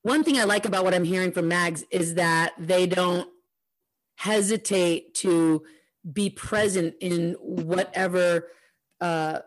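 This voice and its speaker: A woman co-hosting a casual chat, teasing and quick with asides. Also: fairly low pitch. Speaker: podcast co-host.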